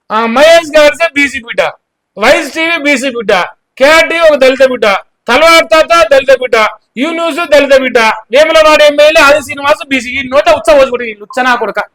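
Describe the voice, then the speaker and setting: A man with a Telangana Telugu accent tears into his opponents in a furious political rant. His voice sits unusually high and strained. He hurls insults in a heated, shouting delivery. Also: rough recording. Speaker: YouTube news channel journalist.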